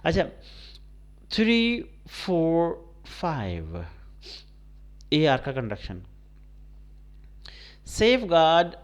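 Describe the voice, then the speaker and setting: A man teaches an English lesson to blind students, dictating each word slowly and spelling it out letter by letter. His voice sits a little high and moves up and down a great deal, and he checks in with his pupils by name. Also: wildly swooping pitch. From Pakistan. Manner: slow, spelled-out dictation of words, switching between English and Urdu. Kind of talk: recorded classroom lecture.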